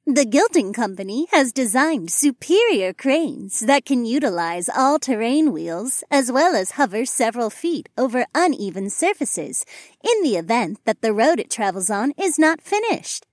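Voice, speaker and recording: A man's voice: extremely high pitch, big pitch swings, unhurried, no echo, clean studio sound, pitched above the performer's own voice, exaggerated voice. A man voicing a female AI assistant who speaks in a stiff, advertising-like tone. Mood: promotional. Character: female AI assistant, formal promotional tone.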